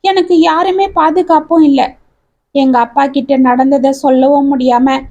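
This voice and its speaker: Sorrowful widowed mother, read by a woman storyteller; high, heartfelt, confessional storybook voice. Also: darkish tone, muffled recording. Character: grieving widowed mother, pleading and tearful.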